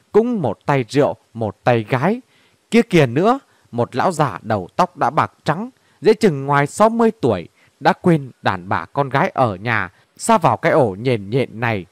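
Guy reading a dark story aloud, really lively and dramatic, dry close mic. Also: mid-range voice, no room sound. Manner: animated, dramatic. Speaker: audiobook narrator. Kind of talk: expressive story narration.

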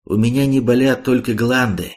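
A man reading the part of a blunt, sharp-tongued male warrior in an audiobook. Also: lowish voice, moderate pace, natural voice.

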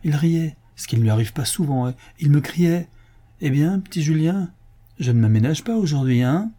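Casting: man playing a young lieutenant, shaken, eager, husky. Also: fairly high pitch, animated, normal speed, mellow, pitched above the performer's own voice. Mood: emotional. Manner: eager, emotional. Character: young male lieutenant, emotional and devoted.

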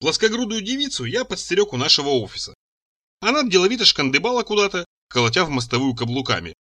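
A man's voice: high voice, sing-song, fast, sharp tone. A man narrating an audiobook in the first person, telling the story expressively. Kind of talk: audiobook reading.

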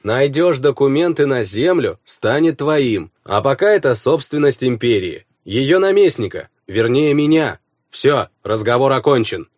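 Gruff middle-aged baron, male reader, curt commands, lively pitch, dry audiobook sound. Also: measured pace, dry recording. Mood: commanding.

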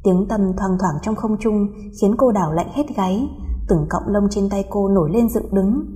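A woman reads an audiobook story aloud. Her voice is mellow and warm. Her delivery is steady and even. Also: mid-range voice, normal speed. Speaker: narrator.

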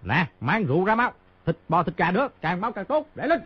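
A man's voice: high-pitched, very animated, fairly quick, husky, muffled recording, pitched above the performer's own voice, heavily acted. A man voicing rude, brawny wrestlers barking orders in a tavern, reading a story. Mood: rowdy. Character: rowdy, brawny male wrestler thugs.

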